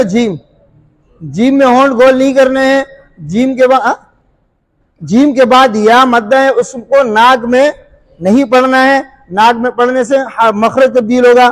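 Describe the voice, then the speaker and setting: A man teaching Quran recitation in a classroom lesson, quizzing his listeners and sounding out letters slowly and repeatedly. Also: very high voice.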